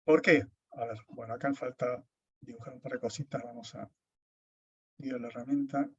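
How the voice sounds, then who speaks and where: A man's voice: mid-range voice, fairly even intonation, moderate pace, breathy edge. A man, lecturing an online class, explaining step by step and often checking with "¿sí?". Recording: dull, dry lo-fi sound.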